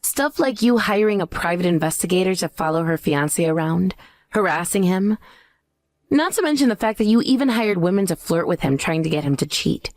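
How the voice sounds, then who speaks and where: A woman's voice: fairly low pitch, lively intonation, fairly quick, dry recording, close to an everyday voice. A woman playing a cool, scornful wife out for revenge in a dramatized story. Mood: taunting. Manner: taunting, cool. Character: scornful, vengeful pregnant ex-wife, coolly triumphant. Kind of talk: dramatized story dialogue and narration.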